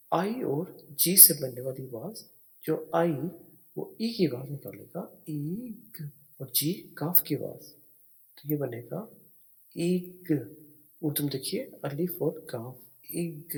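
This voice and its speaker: Slow, patient man teaching. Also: fairly high pitch. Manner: spells words letter by letter, explains each sound patiently. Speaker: English teacher. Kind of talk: slow spelling and pronunciation lesson.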